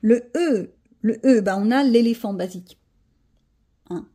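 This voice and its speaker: A woman's voice: on the high side, unhurried, mellow, slightly rough, faint music behind. A woman chatting casually to her viewers while she colors, thinking aloud and joking about herself. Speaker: coloring vlogger.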